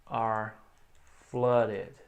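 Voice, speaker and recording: Man teaching English, slow repeated phrases. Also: on the low side, fairly even intonation, gravelly. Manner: explains in Portuguese, models English phrases slowly for repetition. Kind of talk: recorded online English lesson.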